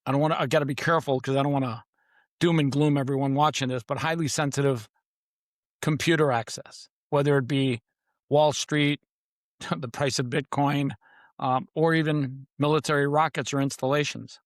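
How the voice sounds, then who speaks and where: Here the author talks as an interview guest with a medium-pitched, steady voice at a moderate pace. His style is conversational but forceful, built on brief punchy statements and dramatic repetition, recorded in studio quality with no echo.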